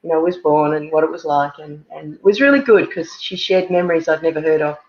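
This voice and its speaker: An Australian woman guest on a video call, talking in a halting way, with many fillers and repeated words. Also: sits low, a little mellow. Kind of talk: casual interview chat. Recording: muffled lo-fi video-call audio.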